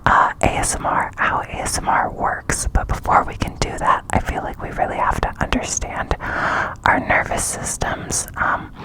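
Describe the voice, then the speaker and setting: An ASMR host speaks in a breathy, cupped whisper close to the mic, explaining things in an informal, unscripted ramble. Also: rough recording. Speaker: ASMR host introducing an educational series.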